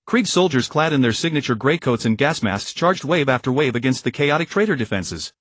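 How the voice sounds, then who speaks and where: A man giving scripted audiobook narration in an even, steady reading. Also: medium pitch, brisk, dry recording.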